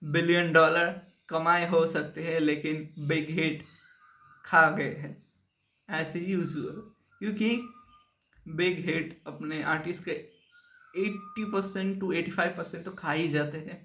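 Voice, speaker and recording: A young man delivers a profane, mocking rant at an unhurried, drawn-out pace. His voice sits a little high for a man. The sound carries the ring of a bare, echoey room. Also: fairly even intonation, sharp tone. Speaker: commentator. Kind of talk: ranting commentary video.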